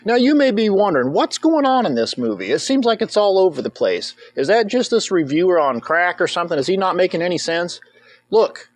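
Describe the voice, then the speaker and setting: A man giving casual, comedic commentary over a movie as a reviewer. He rambles, jokes, and breaks into whoops and cheers. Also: sits high.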